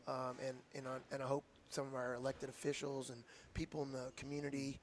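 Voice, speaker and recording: A man's voice: medium pitch, completely flat delivery, fairly quick, a little hiss or hum. A man, a football coach telling an earnest, heartfelt story in a radio interview. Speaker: high school football coach.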